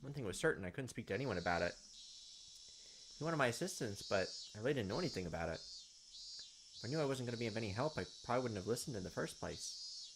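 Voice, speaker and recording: Very animated and quick, with frequent pauses, a medium-pitched gameplay host reads out visual novel dialogue and adds casual, wry asides. His throat is raw and scratchy from the winter weather, and music sits behind his voice.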